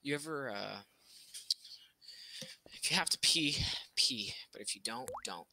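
A man in a casual gaming chat, talking fast and bossy with plenty of fillers. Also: mid-range voice, expressive, creaky. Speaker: gamer. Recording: noisy mic with clicking.

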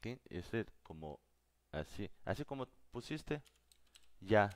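A native Korean man leads a live online class, speaking slowly and going over each word again and again. His voice is low and smooth, and the close mic sounds dry. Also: sing-song, no echo. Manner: slow, patient explaining, repeating words several times. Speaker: Korean teacher.

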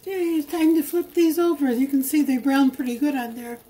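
A woman's voice: high-pitched, a little fast, mellow. A woman talking viewers through her home cooking in a homey, chatty way, recorded on a phone in her kitchen. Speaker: home cook vlogger. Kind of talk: casual cook-along narration. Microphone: phone camera held while cooking.

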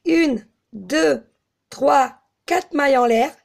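A slightly hoarse woman giving a step-by-step crochet tutorial, patiently counting stitches aloud. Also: sits high, drawn-out words. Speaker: crochet teacher.

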